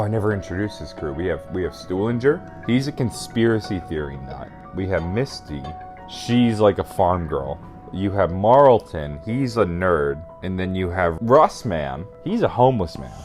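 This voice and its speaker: Drunk, rambling man, swinging low pitch. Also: a little mellow. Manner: emphatic, profane, loses track and corrects himself. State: very drunk, burping. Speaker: host retelling a video game storyline. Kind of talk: rambling casual comedic retelling.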